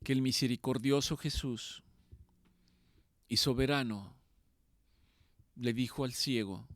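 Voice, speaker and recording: A man preaching a sermon, swinging between loud pleading and quiet, slow passages. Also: medium pitch, dry recording.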